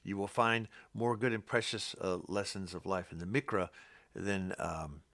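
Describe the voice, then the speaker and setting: A man with a deep, low-pitched voice and a gravelly, creaky edge works through a Bible passage, stopping to comment as he goes. His delivery is halting and rambling, full of restarts and doubled words. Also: fairly even intonation, fairly bright tone. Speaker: Bible teacher.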